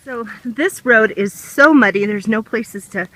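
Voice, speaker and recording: A woman's voice: fairly high pitch, unhurried, fairly bright tone, poor audio. A woman vlogging casually outdoors on a handheld camera, talking while walking through a trail race. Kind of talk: casual vlog chat.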